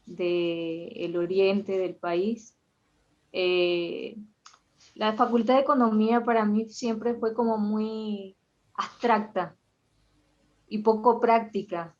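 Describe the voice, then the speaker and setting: A woman in her forties from Venezuela with a Venezuelan accent, sharing a measured, hesitant comment as a participant. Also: mid-range voice, steady tone, a little mellow, muffled recording. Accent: Venezuelan Spanish. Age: 40s. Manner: measured, hesitant, with many fillers. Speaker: audience participant, accountant. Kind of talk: conversational comment.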